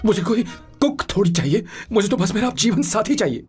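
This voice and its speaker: A man's voice: sits high, sing-song, brisk, husky, faint music behind, exaggerated voice. A man voicing a lovestruck young hero in a film dub, emotional and pleading. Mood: indignant.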